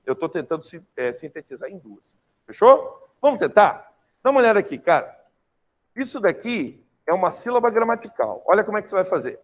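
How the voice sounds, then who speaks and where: A young man with a Brazilian Portuguese accent teaches an online class in a lively, slangy style, frequently checking in with his students. His voice is high-pitched and fairly quick.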